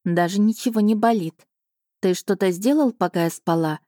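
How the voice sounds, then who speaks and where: A woman's voice: medium pitch, moderate pace, warm tone, no echo, studio quality, lightly acted. A woman reading an audiobook voices a young heroine, skeptical and wry in her questions. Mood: wary. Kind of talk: audiobook character voicing.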